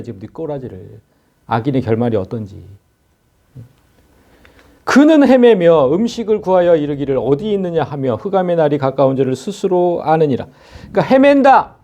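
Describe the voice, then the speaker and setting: Man, pastor, sermon, animated pitch, mellow dark tone, scolding asides. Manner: lively expository preaching, acts out scripture speakers in a scolding informal tone. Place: church.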